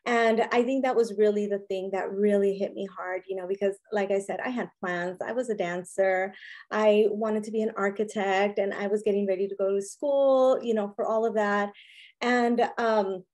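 A woman's voice: mid-range voice, steady tone, normal speed, darkish tone. A woman guest in an interview, telling her personal story in an earnest, candid way, often saying "you know". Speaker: interview guest, business owner.

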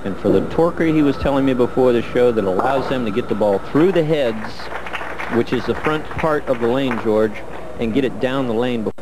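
A man calls a bowling match as the color commentator, talking through each release and pin fall like a coach. His mid-range voice comes through an old television broadcast with a clear hiss under it. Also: mid-range voice, moderate pace. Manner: analytical, coaching-style breakdown of shots.

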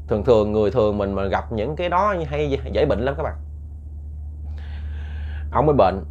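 Male storyteller, chatty suspense narration, mid pitch, muffled recording. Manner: animated, repeats words for suspense, addresses listeners. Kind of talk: casual spoken storytelling.

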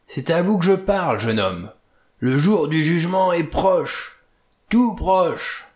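A man's voice: fairly high pitch, lively intonation, slow pace, a little mellow, pitched above the performer's own voice. A man voicing a doddering, drunk old sailor who wails plaintive warnings of doom in an audiobook. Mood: solemn. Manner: plaintive, solemn wailing.

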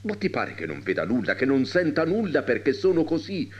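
A man's voice: medium pitch, wildly swooping pitch, fairly quick, breathy edge, muffled recording, pitched above the performer's own voice. A man voicing an irritable, suspicious old man who demands answers angrily. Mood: angry. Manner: angry, demanding questions.

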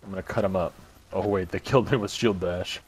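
A man's voice: deep voice, steady tone, quick pace, slightly rough. A man giving casual, sarcastic let's-play commentary while playing a video game. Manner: sarcastic, mocking. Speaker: gaming commentator.

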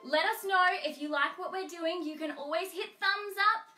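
Woman playing bubbly high Tinkerbell. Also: normal speed, pushed and bright, roomy sound, faint music behind. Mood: cheerful. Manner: bubbly, exclaiming, sing-song. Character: Tinkerbell, bubbly excitable female fairy. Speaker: children's party entertainer. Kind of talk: live children's story time show.

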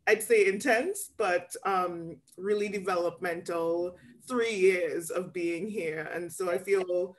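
A woman developmental pediatrician explaining things in an interview over a video call, measured with frequent ums. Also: on the low side, low-quality recording.

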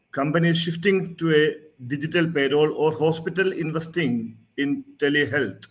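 A man giving a formal keynote talk over a video call, reading through his slides in a measured presenter tone. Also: fairly high pitch. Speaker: keynote speaker. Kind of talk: prepared conference keynote. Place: home or office, seen on video call. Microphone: video call webcam mic.

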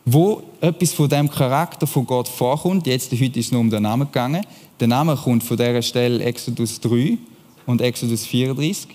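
A man's voice: medium pitch, moderate pace, mellow. A young man with a Swiss German accent giving a casual youth sermon, explaining things chattily with rhetorical questions. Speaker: youth church preacher. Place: church hall. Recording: long hall reverb.

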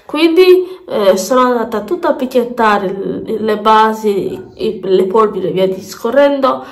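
A woman with a fairly high voice speaks through a pinched, stuffed-up nose, clearly congested with a cold. She chats casually as a beauty vlogger, rambling along and often doubling back on her words. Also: animated, unhurried. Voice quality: nasal, pinched blocked-nose voice. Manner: rambling, repeats words and phrases. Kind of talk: casual chatty makeup vlog. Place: bathroom at home.

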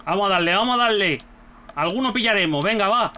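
A young man with a Spanish accent from Spain, commenting casually and excitably on his own gameplay as a gaming YouTuber. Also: sits high, fast. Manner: excitable, exclaims and jokes loudly at the game.

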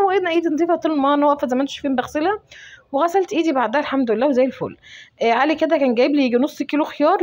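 A woman's voice: high-pitched, darkish tone, highs cut off. A young woman with an Egyptian accent chatting as she cooks in her home kitchen and giving heartfelt advice. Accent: Egyptian Arabic. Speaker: cooking vlogger. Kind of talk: casual chat while cooking.

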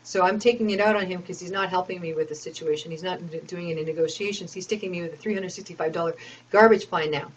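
A woman's voice: fairly low pitch, fast, slight background noise, rough recording. A woman telling a rambling personal story, aggrieved and complaining, with many fillers and restarts.

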